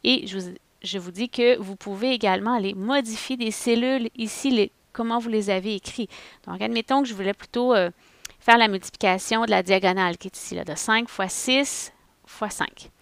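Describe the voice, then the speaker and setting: Patient Québécoise teacher, gravelly edge. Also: female voice, medium pitch, fairly quick, no echo. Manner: patient step-by-step explaining, thinking aloud. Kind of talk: screen-recorded software tutorial.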